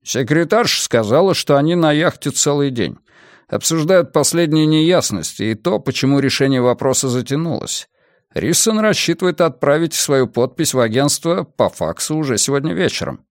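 A composed police commissioner explains things patiently and steadily, his voice only lightly raised above the narration and moving with lively intonation, as a male narrator puts him on. The sound is dry and close to the mic. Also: on the high side, moderate pace, no echo, voice pushed up. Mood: calm. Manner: calm and explaining. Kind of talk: audiobook character voice.

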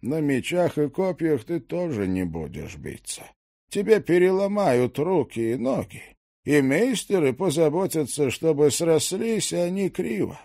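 A man voicing a stern middle-aged king who hands down sentences in a measured, menacing way, read as part of an audiobook. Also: a little high, very animated, warm tone, no room sound, clean studio sound, voice pushed up, exaggerated voice. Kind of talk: audiobook character reading.

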